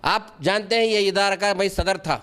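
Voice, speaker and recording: High-pitched earnest man. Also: normal speed, fairly bright tone, clean tone. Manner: earnest, repeats himself, restarts often; defensive and pleading. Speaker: wakf board member being interviewed. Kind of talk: news interview answers.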